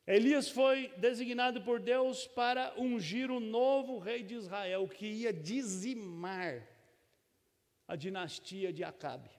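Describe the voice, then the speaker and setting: A man's voice: sits high, slow. A middle-aged Brazilian man preaching a sermon as pastor, folksy and conversational, with touches of humor and frequent tag questions. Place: church sanctuary. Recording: long church reverb.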